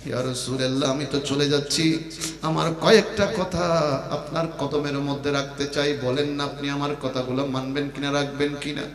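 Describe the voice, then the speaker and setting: A man preaching in his own voice, softening and lowering it as he voices the words of a dying, devoted elderly noblewoman. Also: steady tone, moderate pace, natural voice. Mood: tender, grieving. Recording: echoey reverberant hall with loud crowd.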